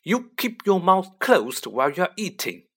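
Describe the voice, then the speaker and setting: A narrator putting on Mrs Weasley, shrill fussing mother. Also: very animated, normal speed. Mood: scolding. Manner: sharp exclamatory scolding, motherly fussing. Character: scolding, bustling middle-aged mother witch, fussy but fond.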